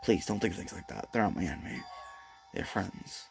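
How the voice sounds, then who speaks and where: A man voicing a strong but gentle young woman weighed by guilt in a manga read-aloud, low and subdued. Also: fairly quick, faint music behind, lightly acted.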